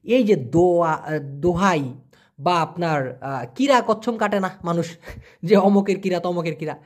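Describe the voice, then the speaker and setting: A man's voice: high-pitched, lively intonation, unhurried, a little mellow. A man giving a casual vocabulary lesson, repeating each word and explaining it with everyday examples. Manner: colloquial, chatty. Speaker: language teacher.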